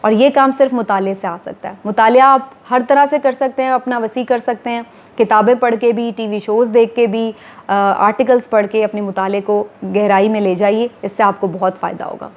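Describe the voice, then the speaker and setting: A woman, a TV anchor calmly explaining to viewers, step by step, how to become a news anchor. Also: a little high, normal speed. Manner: steady, explanatory, addressing viewers formally. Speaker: TV anchor giving career advice. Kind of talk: instructional talk to camera.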